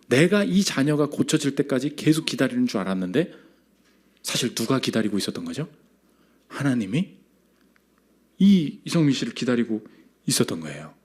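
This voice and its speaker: A male pastor preaching a sermon, emphatic and full of rhetorical questions, swinging from loud urgency to hushed storytelling. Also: medium pitch, breathy edge.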